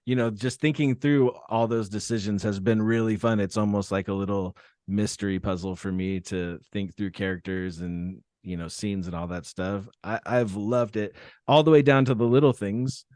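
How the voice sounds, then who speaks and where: A man's voice: on the low side, fairly even intonation, moderate pace, a little mellow, no room sound, studio quality. A man hosting a podcast, asking rambling, enthusiastic questions in casual chat. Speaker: podcast host.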